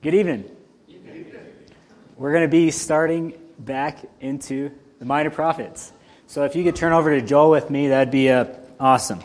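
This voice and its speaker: Southern-accented man preaching, slightly high voice. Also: fairly even intonation, moderate pace. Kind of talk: informal teaching sermon.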